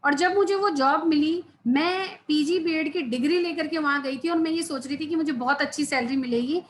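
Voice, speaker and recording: A woman's voice: high voice, normal speed, a little hiss or hum. A woman, giving an earnest personal testimony at a seminar and speaking straight to the audience. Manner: earnest storytelling, addressing the audience directly.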